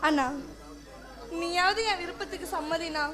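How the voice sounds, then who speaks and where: A woman's voice: extremely high pitch, moderate pace, a crowd in the background. A woman acting a defiant young daughter in a village stage drama, pleading with her father in a declamatory way. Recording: stage recording with loud music behind.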